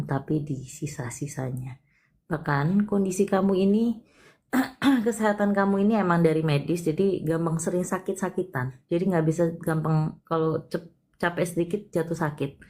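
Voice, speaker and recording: A woman hosting a live palm-reading consultation, chatty and expressive, with frequent exclamations. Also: on the low side, normal speed. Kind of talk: casual live-stream reading.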